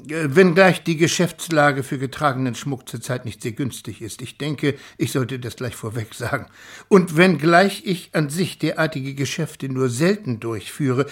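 Fussy posh shopkeeper, husky mid voice, super formal and wordy, radio comedy. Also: male voice, medium pitch. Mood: fussy, cautious. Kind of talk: German radio crime comedy acting.

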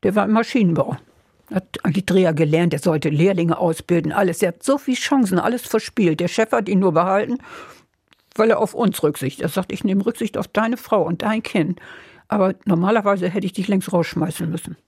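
A woman's voice: lowish voice, brisk, darkish tone, husky, no room sound, studio quality. An older woman from in an interview, candidly recounting her marriage in a rambling way, often quoting what was said. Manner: candid, rambling, quotes herself and others. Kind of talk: personal life story interview.

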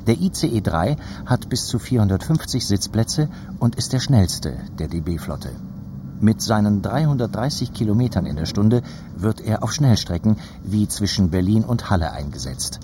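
Low-voiced man narrating over train noise. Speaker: radio feature reporter and narrator. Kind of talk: scripted documentary narration.

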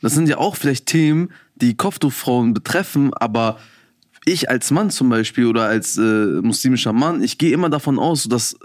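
A young man co-host speaks in casual slang, working out his thoughts aloud. His pitch is medium and the sound is close and dry. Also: lively intonation, moderate pace, darkish tone, dry recording. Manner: slangy, informal, thinking aloud. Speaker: podcast co-host. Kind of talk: casual chat.

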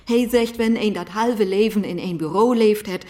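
A woman speaking with a Low German accent, acting a wistful role in a radio play and drifting into whispers. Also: moderate pace, darkish tone.

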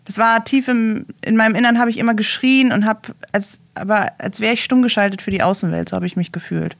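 A young woman speaking as a guest, telling a personal story in a halting way and searching for words. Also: mid-range voice, fairly even intonation, vocal fry, no echo, clean studio sound.

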